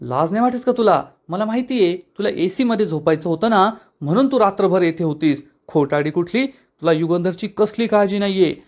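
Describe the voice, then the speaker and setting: A man's voice: sits high, a little fast, close to an everyday voice. A man voicing a scolding aunt. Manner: scolding, accusing. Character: angry scolding woman, family elder.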